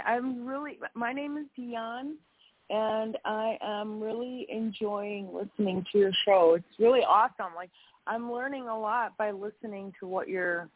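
A woman phones in to a show and talks in a casual, appreciative way. Her voice comes through a narrow, tinny phone line. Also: mid-range voice. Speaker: caller.

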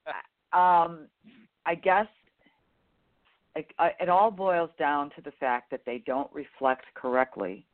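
A woman's voice: sits low, a little slow, long pauses. A woman golf instructor co-hosting a show, talking frankly and bluntly in casual chat. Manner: frank, blunt teaching talk. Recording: tinny phone-like sound.

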